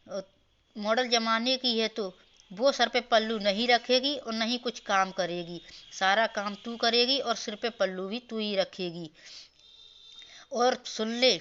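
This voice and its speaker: A scolding, nagging older mother-in-law from a cartoon story, as a woman puts her on. She talks slowly in a bright, clear, fairly high voice. The recording is dull and lo-fi. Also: steady tone. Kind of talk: storybook voice acting.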